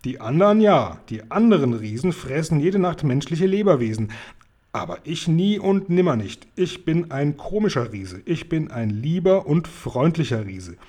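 A man voicing a big, friendly male giant who booms and muddles his words while reading a storybook aloud. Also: sing-song, moderate pace, mellow, husky. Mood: boisterous.

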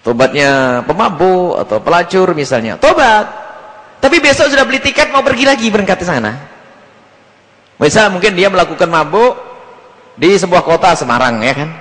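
A male Islamic preacher answering a question in an animated sermon, acting out dialogues and jokes. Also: sits high, moderate pace, pauses often, long reverb tail, rough recording.

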